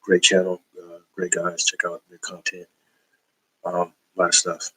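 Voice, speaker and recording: In a casual haul video, a comic book collector shows his finds, chatting in a relaxed, slangy way with lots of fillers. He speaks monotonously at a normal speed in a low-pitched, sharp, slightly rough voice over poor audio.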